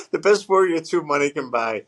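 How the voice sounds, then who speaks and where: A man co-hosting a casual podcast chat, talking in halting bursts with many fillers and restarts, laughing as he tells a story. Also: fairly high pitch, a bit bright. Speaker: podcast co-host.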